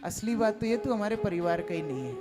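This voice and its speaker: A cheeky two-year-old Krishna protests his innocence with boastful indignation, as a male storyteller puts him on. The voice sits very high, and a flute plays behind. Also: expressive, brisk, music in the background.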